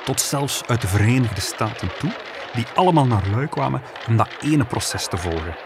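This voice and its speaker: A man's voice: mid-range voice, lively intonation, moderate pace, noisy background. A man, a journalist, co-hosting a podcast and explaining a past case in an storytelling way. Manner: explanatory storytelling, some restarts. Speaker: journalist co-host. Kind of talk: podcast conversation.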